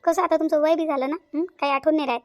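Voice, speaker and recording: A woman's voice: high voice, steady tone, a little mellow, dry recording, natural voice. A woman voicing a scheming young daughter-in-law in a cartoon, patronizing and bossy. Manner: patronizing, fast-talking. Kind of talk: cartoon voice acting.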